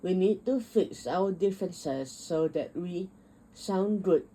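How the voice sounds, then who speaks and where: An earnest male frog musician from a picture book, read by a woman. The voice is low and slow, mellow in tone. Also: husky, full character voice, poor audio. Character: male frog musician, grumpy then grateful.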